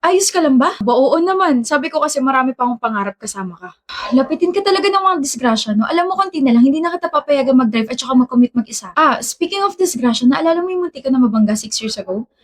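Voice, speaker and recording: A woman trading teasing, bickering lines in a romantic short drama. Her voice sits somewhat high, and she moves between playful jabs and softer moments. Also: lively intonation, fast talker. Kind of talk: Filipino short drama dialogue.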